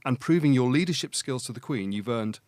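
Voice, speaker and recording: A man, narrating a comedy tabletop game as game master, theatrical and quick to laugh. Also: mid-range voice, lively intonation, darkish tone, no room sound.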